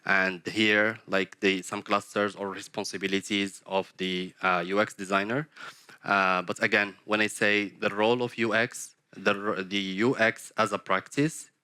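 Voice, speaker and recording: Deep-voiced man hosting a design workshop. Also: flat delivery, a little slow, sharp tone, clear, resonant tone, no echo. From Morocco. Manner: hesitant, many fillers. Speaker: workshop host, head of design. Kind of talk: workshop presentation. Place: conference workshop room.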